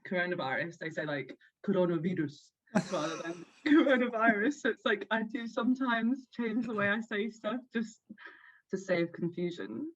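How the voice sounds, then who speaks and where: A woman's voice: mid-range voice, expressive, moderate pace, breathy edge, highs cut off. A young woman who grew up abroad, chatting casually as a podcast guest, giggly and full of "like". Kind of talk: casual chat.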